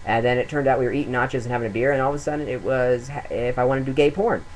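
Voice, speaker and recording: A man's voice: mid-range voice, fairly even intonation, racing, slight background noise, rough recording. A man in his twenties, a comedian, rambling through a self-deprecating webcam monologue full of fillers. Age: 20s.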